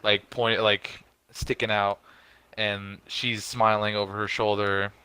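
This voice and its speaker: A man's voice: slow pace, clean tone, low-quality recording. A young man co-hosting a podcast, chatting casually, swearing often and yelping up when exasperated. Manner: animated, swears a lot, jumps up in pitch when exasperated. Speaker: podcast co-host. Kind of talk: casual chat.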